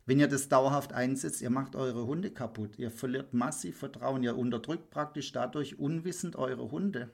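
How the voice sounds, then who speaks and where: Man, dog trainer, blunt and emphatic, casual talk, mid-pitched voice. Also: vocal fry, darkish tone, breathy edge. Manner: blunt, emphatic, mimics his clients in quick dialogue.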